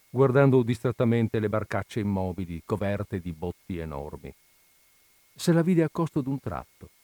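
A man narrating a classic literary story in a measured, unhurried reading, recorded close to the mic. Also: lowish voice, mellow, dry recording. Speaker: reader of literary stories.

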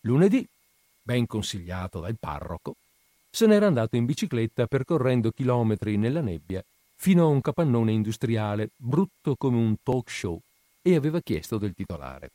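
A man reading short stories aloud in an expressive, ironic storytelling manner. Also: mid-range voice, normal speed, no echo. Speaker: reader.

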